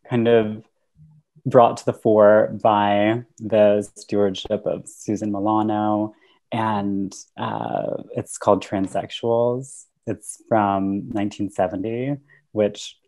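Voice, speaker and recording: A woman in her thirties gives a relaxed keynote over a video call, her voice picked up by earbuds in a book-lined room at home. She speaks slowly, in a flat, unhurried tone that drifts with ums and soft laughs. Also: a bass voice, poor audio. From Syracuse, New York. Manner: slow, dreamy, with frequent ums and soft laughs. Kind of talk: relaxed conference talk. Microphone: earbud headset on a video call.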